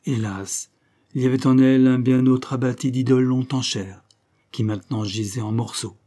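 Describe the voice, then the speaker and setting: Here a man with a mid-range voice reads a classic story aloud as an audiobook narrator. The narration is scripted, paced evenly and measured throughout.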